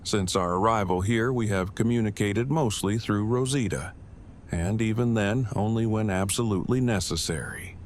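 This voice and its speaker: Audio drama part: nerdy, deadpan man male actor, lowish pitch, stiffly formal and long-winded, some ambience. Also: normal speed, close to an everyday voice. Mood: earnest, measured. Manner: stilted, wordy, formal, deadpan. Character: Eugene, formal, verbose, earnest nerdy man. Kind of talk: acted audio drama dialogue. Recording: faint background ambient noise.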